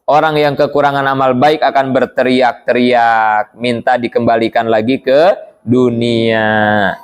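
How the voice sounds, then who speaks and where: A man teaching an Islamic study lecture in a conversational way, acting out the pleading cries of the dying. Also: mid-range voice. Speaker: religious teacher.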